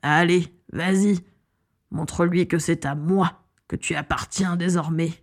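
A triumphant, half-mad wizard villain sneers and taunts in a somewhat low, altered voice, as a woman narrator puts him on. The talk is a storybook reading, menacing and gloating. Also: steady tone, a little slow, close to an everyday voice. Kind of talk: audiobook character voice.

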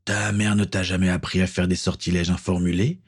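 A man's voice: low-pitched, flat delivery, brisk, breathy edge. A man reading as a stern pirate captain. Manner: firm and authoritative. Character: stern middle-aged male pirate captain, commanding uncle.

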